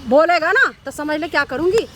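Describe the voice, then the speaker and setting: Furious mother, very high-pitched. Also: animated, a little fast, noisy background. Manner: furious, threatening, shouting over others. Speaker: angry mother. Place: outdoors in a city park. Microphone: host's handheld mic.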